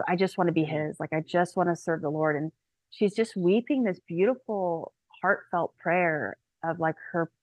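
A woman in her thirties, a guest speaker telling her personal faith story on a podcast, chatty and animated, with many fillers. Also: fairly low pitch, dry recording.

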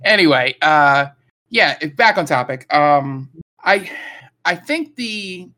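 Bright-toned guy cohost, rambly casual podcast talk. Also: fairly high pitch, very animated, slow. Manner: rambling, full of fillers and restarts. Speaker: podcast co-host.

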